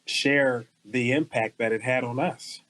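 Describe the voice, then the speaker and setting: A man from the Los Angeles area co-hosts a casual talk show in a heartfelt, thoughtful manner. His voice sits at a middle pitch, and he takes his time as he talks. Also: steady tone, measured pace, a bit bright, rough recording. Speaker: podcast co-host. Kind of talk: casual podcast conversation.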